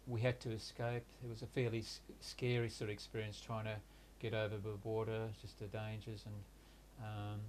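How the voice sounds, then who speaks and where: A Hungarian-born man in his 60s, raised in Australia and a native Hungarian speaker, recounts his life in a reflective interview. He talks haltingly with many pauses and restarts, his voice flat, even and fairly low, with slight background noise.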